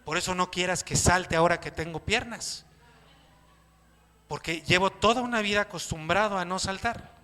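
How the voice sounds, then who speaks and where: A man with a Mexican accent preaching a sermon as pastor, lively, acting out quotes and firing questions at the congregation. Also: sits high, moderate pace. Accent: Mexican Spanish. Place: church hall. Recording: echoey church hall.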